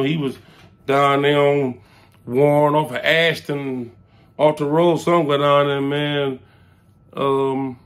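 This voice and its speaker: A man's voice: medium pitch, vocal fry. A man telling a story from his past in casual talk, acting out what people said and dropping "man" into his sentences. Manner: animated, acts out quoted lines, fills with "man". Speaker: interviewee recounting his past.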